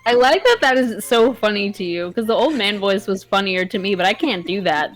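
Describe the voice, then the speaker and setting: A woman's voice: medium pitch, fairly quick. A woman co-hosting a gaming show in casual banter with friends. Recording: music behind the voice.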